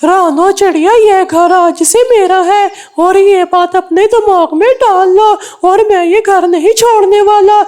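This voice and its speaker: A woman's voice: very high voice, fairly even intonation, a little slow, few pauses, darkish tone. A woman voicing a scheming, bullying male crow in a cartoon, with a mocking, boastful manner.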